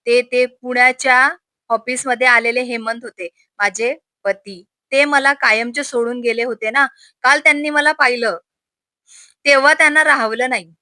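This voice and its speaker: A shy, anxious young wife voiced by a woman reading a story who stammers and hesitates. The voice sits high and bright, with a sharp edge. It is recorded dry and close. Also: steady tone, normal speed, no echo. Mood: timid.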